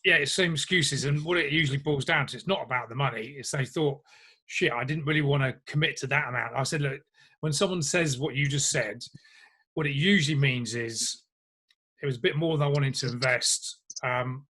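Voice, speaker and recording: A man's voice: mid-range voice, normal speed, slightly rough. A man in casual conversation, telling stories and acting out quotes. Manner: animated storyteller, acts out quotes. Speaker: host. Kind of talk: casual chat.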